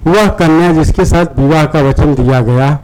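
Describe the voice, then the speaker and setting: A man's voice: fairly high pitch, moderate pace, darkish tone, low-quality recording. A man explaining practice questions to exam students, repeating words and often checking in with "theek hai". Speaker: exam-prep teacher.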